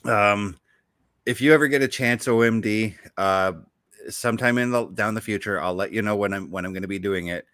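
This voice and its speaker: A man hosting a relaxed gaming podcast, his low voice carrying a bright, forward edge. He talks with eager enthusiasm, rambling and doubling back mid-sentence as he goes. The sound is close and dry. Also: a little fast, no room sound. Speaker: show host. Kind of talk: casual podcast chat about games.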